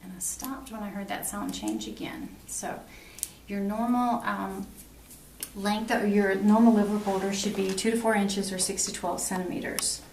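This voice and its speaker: A middle-aged nursing instructor demonstrates a clinical exam, talking the patient through each step in an animated, slightly mellow mid-range voice at a normal pace. She's in a small block-walled exam room, picked up by a camera mic a few feet away, so the sound is roomy and distant with faint noise.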